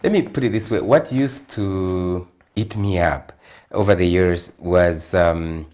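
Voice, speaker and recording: Man, Zambian accent, middle-aged, low voice, earnest and emphatic, TV interview guest. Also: slow. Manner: earnest, grows emphatic and animated. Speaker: guest consultant.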